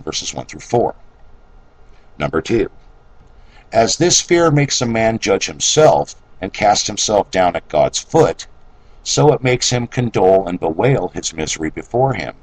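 A man reading an old devotional treatise aloud in a measured, solemn way, letting his voice sink low and soft on each scripture reference. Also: dry recording, low-quality recording. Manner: occasional self-corrections while reading.

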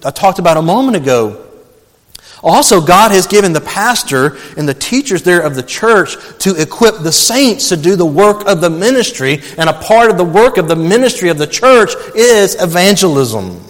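A man's voice: sits high, big pitch swings, normal speed, long reverb tail. A male pastor preaching a sermon, telling a personal story earnestly and calling his listeners beloved.

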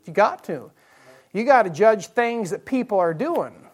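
A man's voice: high voice, sing-song, unhurried. A man preaching a midweek evening sermon in church, explaining Bible verses, repeating key phrases and asking the congregation rhetorical questions. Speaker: pastor.

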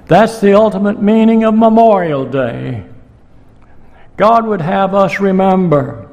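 A pastor giving a sermon, telling stories slowly and deliberately to his congregation in a church. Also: sits high, vocal fry, a little mellow, in a large hall. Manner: slow, deliberate storytelling.

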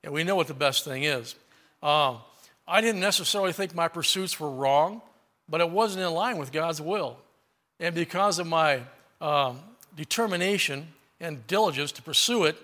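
A man's voice: on the high side, pushed and bright. A middle-aged man preaching a sermon, telling a personal story in a folksy way and reading scripture aloud.

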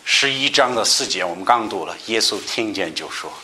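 A man leading a Bible study sermon, explaining passages verse by verse and asking his listeners questions, moving between raised emphatic stretches and quiet asides. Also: on the low side, expressive, a little fast, a little hiss or hum.

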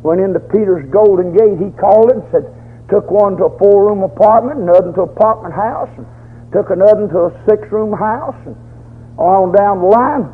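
A man's voice: sits high, moderate pace, husky. An older man preaching a folksy, fervent storytelling sermon, in a dull lo-fi recording.

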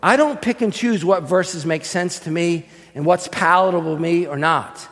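A man preaching a fervent sermon, swinging between quiet teaching and shouted, drawn-out emphatic lines. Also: fairly high pitch. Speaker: pastor. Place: church sanctuary. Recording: long hall reverb.

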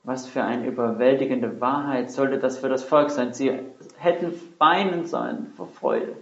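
A man's voice: medium pitch, lively intonation, normal speed. A man preaching a sermon earnestly and emphatically, with rhetorical questions and repetition. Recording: roomy, dull lo-fi sound.

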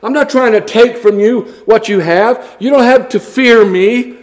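A man's voice: very high-pitched, measured pace. A man preaching a blunt, scornful sermon and reading scripture aloud in old-fashioned wording.

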